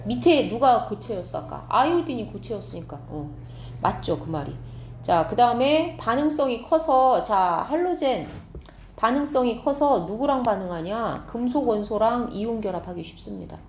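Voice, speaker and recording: Woman teacher lecturing, steady mid pitch, checks understanding often, roomy classroom, faint hum. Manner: explains step by step, asks students quick check questions. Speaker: science teacher.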